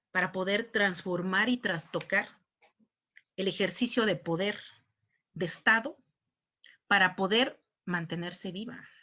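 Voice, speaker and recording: A woman's voice: mid-range voice, a bit bright. Conversational Mexican woman giving a talk. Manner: conversational, tags remarks with rhetorical questions; acts out other people's voices. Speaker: conference speaker on human rights. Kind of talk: conference talk. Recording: muffled lo-fi recording.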